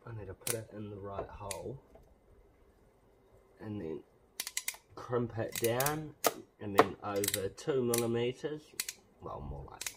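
Over very noisy surroundings, a man hosting a car modification vlog talks through his work step by step beside an open bonnet outdoors. His voice is lowish and animated, but he takes it slowly and pauses often, keeping the DIY commentary offhand and casual.

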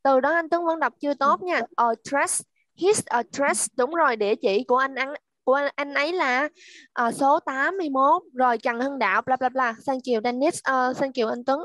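A woman teaching children English online, slowly repeating words to drill pronunciation. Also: sits high, a bit bright, dry recording. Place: at home.

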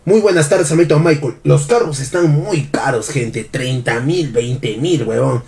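A man's voice: mid-range voice, a little slow, vocal fry, a little mellow. A man with a Peruvian accent, chatting dramatically and swearing on a live game stream. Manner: dramatic, swearing, mock-pleading.

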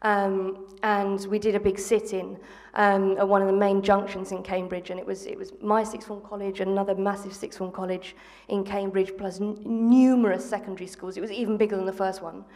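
Woman from England, panel guest, earnest and animated, handheld mic, long reverb of a theatre hall. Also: medium pitch, a little fast. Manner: earnest, animated, many ums and restarts. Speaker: panel guest, former school strike organiser. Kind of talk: live panel discussion. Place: theatre stage before an audience.

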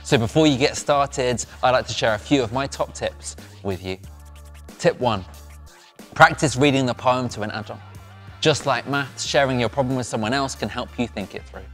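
A young man speaks to camera in a calm, measured, encouraging way, laying out numbered tips at a middle pitch. He is recorded on a clip-on mic indoors. Soft music plays faintly underneath. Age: young adult. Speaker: poet hosting a school poetry slam. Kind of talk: scripted address to camera. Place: indoor studio with a plain backdrop. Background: faint background music.

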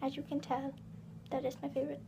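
Indoors in her living room, a fourteen-year-old English vlogger with a slight Southern US accent chats bubbly to a device camera on the table, using plenty of "ums." Her high, dark-toned voice has vocal fry and a completely flat delivery, and she talks fast. A little hiss or hum is audible.

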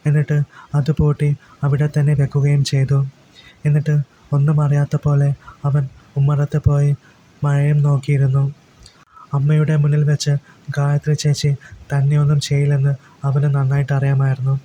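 A man reading a story aloud as storyteller, in an even, unhurried way. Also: a little high, slight background noise, rough recording. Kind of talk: storybook narration.

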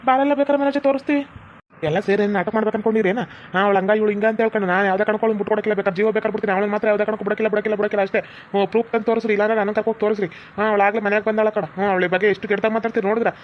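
A woman's voice: medium pitch, steady tone, racing, muffled recording, slight background noise, lightly acted. A woman voicing a stubborn, sulky young man in love in a comedy cartoon. He speaks with a North Karnataka Kannada accent and insists by repeating himself. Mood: defiant.

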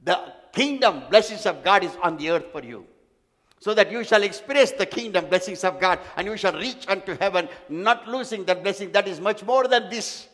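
A man's voice: high voice, animated, moderate pace, fairly bright tone. A man preaching a sermon as pastor, emphatic and repeating key phrases for weight. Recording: long hall reverb.

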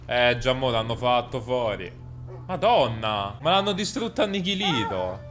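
Loud swearing Roman streamer. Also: male voice, medium pitch, sing-song, a little slow, soft background music. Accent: Roman Italian. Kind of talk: gameplay commentary.

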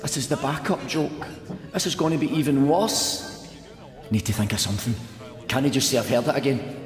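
A man's voice: mid-range voice, normal speed. An actor with a Scottish accent voicing an anxious man's self-critical inner thoughts in sketch comedy, urgent, with a reverb effect. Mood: anxious urging. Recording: echoing reverb over music.

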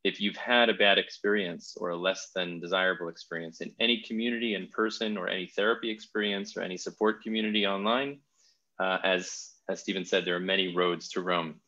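A man's voice: low-pitched, fairly even intonation, a little fast, sharp tone, highs cut off. A man hosting a podcast interview, talking in an enthusiastic, thoughtful way with frequent restarts. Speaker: podcast host. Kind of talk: casual interview chat.

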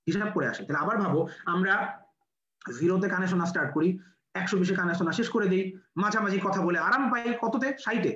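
Fast-talking Bangladeshi physics lecturer. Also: medium pitch, fairly bright tone. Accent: Bangladeshi Bengali. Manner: quizzes students with rhetorical questions, repeats key numbers. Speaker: medical admission physics lecturer. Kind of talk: classroom lecture. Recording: roomy, dull lo-fi classroom recording.

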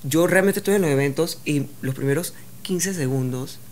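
Woman, lower register, animated podcast storyteller. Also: normal speed. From Panama. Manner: animated, acts out others' lines in shifting voices. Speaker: guest, journalist. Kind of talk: casual storytelling.

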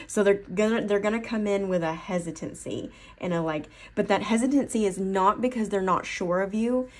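A woman with an Appalachian accent giving a casual tarot card reading, rambling and correcting herself as she thinks aloud. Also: fairly low pitch. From Appalachian foothills, USA. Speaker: tarot reader.

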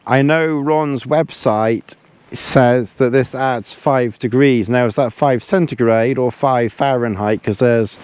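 His mid-range voice is a little mellow, clear and resonant, and he takes it slowly. He's an outdoor gear vlogger lying in a sleeping bag in a small tent, casually reviewing camping gear while rambling, repeating himself and chuckling.

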